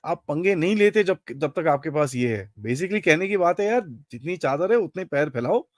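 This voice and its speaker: A man making his points forcefully as a debate panelist, deferring to the host as sir and dropping English phrases in as he goes. His voice sits a little high. The room is dry and close, with almost no echo. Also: expressive, normal speed. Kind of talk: political debate talk.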